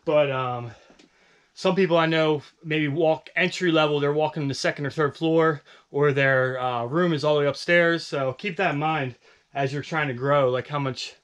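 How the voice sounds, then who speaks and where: A man's voice: on the high side, steady tone, moderate pace, fairly bright tone. A man casually walking through his basement resale stock in a vlog, loose and rambling with lots of fillers. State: out of breath. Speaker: online reseller vlogger. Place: home basement storage room.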